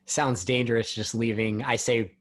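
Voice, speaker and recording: A man hosting a casual podcast interview, talking in an easygoing, conversational way with halting fillers. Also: medium pitch, little pitch movement. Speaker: podcast host.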